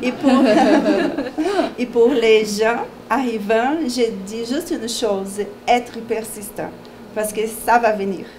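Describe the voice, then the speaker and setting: A woman giving a testimony at a public event, unhurried to an extreme and laughing between phrases. Her voice sits slightly high. An audience is clearly audible around her. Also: crowd noise.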